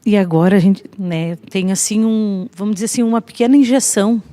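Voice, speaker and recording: A woman's voice: mid-range voice, brisk, warm tone. Chatty Brazilian woman in reverb. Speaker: family ministry guest. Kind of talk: casual church podcast talk.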